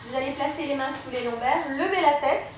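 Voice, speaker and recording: A woman's voice: high-pitched, a little fast. A woman instructor leading a live Pilates and yoga class, cueing breaths and movements step by step. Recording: very echoey room, mic far off, music behind.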